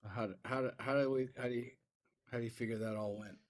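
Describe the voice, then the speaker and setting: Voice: medium pitch, fairly even intonation, fast. A podcast co-host chatting casually, with dry, teasing remarks and repeated words while finding the phrase. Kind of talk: casual chat.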